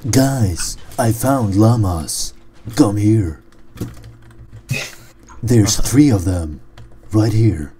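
A man's voice: fairly low pitch, lively intonation, drawn-out words, long pauses, warm tone, soft background music. A man chatting casually with friends while playing a video game, as a gaming video creator.

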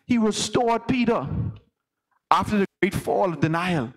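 A man's voice: high voice, expressive, a little slow. A man with a Bahamian accent, an elder preaching a conversational sermon and asking the congregation questions.

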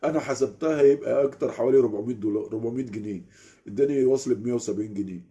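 A man's voice: mid-range voice, racing, dull audio. A man with an Egyptian accent telling a story in a casual rant, keeps asking the listener whether they follow, speaking from a small room at home. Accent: Egyptian Arabic. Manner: animated, keeps asking the listener "you get it?". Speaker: vlogger.

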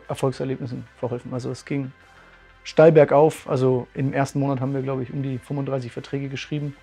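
A man's voice: mid-range voice, warm tone. A man in his thirties, a martial arts school owner, telling his story in a testimonial interview, earnest and thoughtful, with many fillers. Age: 30s. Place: bright room with curtains, indoors.

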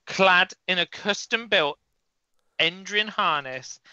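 Bright-voiced teasing man. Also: high voice, smooth, no echo, highs cut off. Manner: teasing, quick and dry. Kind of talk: casual podcast chat.

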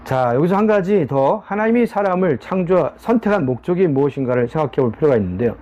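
Animated, earnest male Bible teacher. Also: fairly high pitch, highs cut off. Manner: frequent drawn-out "ah" pauses, earnest preaching. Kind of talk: daily Bible study teaching.

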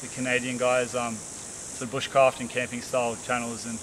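A man's voice: mid-range voice, moderate pace, low-quality recording. A young Australian man talking casually to camera outdoors, tired after a hot hike, rambling with lots of fillers. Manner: relaxed, rambling, many fillers and restarts. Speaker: bushcraft vlogger. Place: outdoors in the bush by rocks. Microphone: camera on a tripod a few metres away. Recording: outdoor camera audio with steady hiss.

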